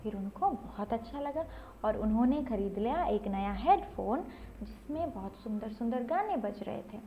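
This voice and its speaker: A woman's voice: a little high, animated, normal speed, highs cut off, a little hiss or hum. A woman telling a moral story to children in a chatty way, asking herself questions and checking in with "thik hai" as she goes.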